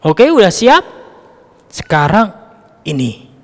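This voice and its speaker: A man's voice: sits high, huge pitch swings, slow pace, big-room sound. A man leading a children's Sunday school Bible lesson, coaxing and addressing the kids directly.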